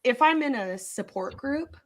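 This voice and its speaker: A woman's voice: sits high, lively intonation, measured pace. A woman hosting a podcast, talking through her views in a thoughtful casual discussion, often restarting her phrases. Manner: thoughtful, restarts phrases while building an argument. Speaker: podcast host.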